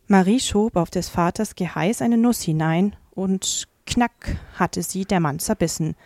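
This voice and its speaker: A woman narrating a classic fairy tale in a calm, measured reading voice. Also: fairly low pitch, no room sound. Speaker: audiobook narrator. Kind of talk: scripted storybook narration.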